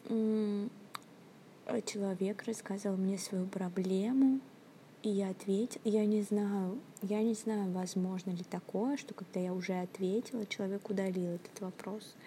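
This podcast host talks in a warm, mid-range voice at a moderate pace with fairly even intonation, over a little hiss or hum. Rambling hesitantly, she fills her casual monologue with fillers and restarts, often half-whispering into her phone indoors at work.

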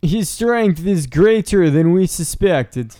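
A blustering male alien invader, put on by a man for a comic read-aloud. He booms his lines slowly in a raised voice, stiff and theatrical. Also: animated, no echo, studio quality. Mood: menacing. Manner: loud, slow, stilted villain speech.

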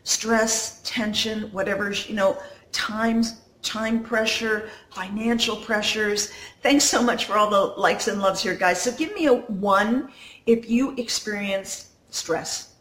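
A woman's voice: mid-range voice, steady tone, takes it slowly, fairly bright tone. A woman coach hosting a live stream in natural, unscripted, conversational talk, addressing viewers directly, recorded indoors on a phone. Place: indoors at home in a condo. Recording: roomy, echoey sound.

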